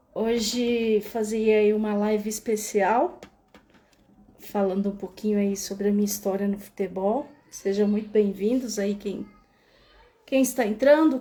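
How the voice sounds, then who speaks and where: A woman's voice: medium pitch, measured pace, warm tone. A young woman from São Paulo with a Brazilian accent, hosting a casual livestream and telling her story with many restarts and filler tags. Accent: São Paulo Brazilian Portuguese. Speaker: live-stream host. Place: home in Spain. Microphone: webcam or phone camera.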